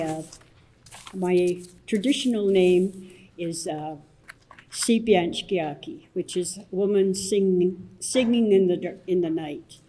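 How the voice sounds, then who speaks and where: An older woman elder from southern Alberta explaining a smudge ceremony at a public assembly, soft-spoken with many pauses and restarts. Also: fairly low pitch, low-quality recording. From Blood Tribe, southern Alberta, Canada.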